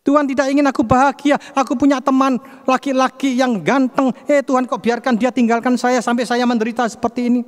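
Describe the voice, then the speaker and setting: A man's voice: extremely high pitch, flat delivery, fast, voice pushed up. Man putting on a heartbroken young woman. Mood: aggrieved. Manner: indignant, complaining. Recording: long hall reverb.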